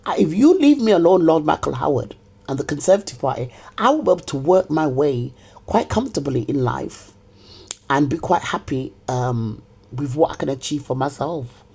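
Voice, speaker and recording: Middle-aged woman, dark husky voice, ranting and scolding someone who isn't there, talks right to the camera. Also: low voice, lively intonation, normal speed. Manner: confrontational, repetitive, rants at an absent person. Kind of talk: direct-to-camera monologue.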